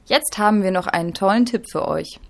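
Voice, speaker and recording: A woman presents a youth radio show. Her voice is of average pitch for a woman. She delivers scripted links and speaks directly to the audience. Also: brisk, gravelly.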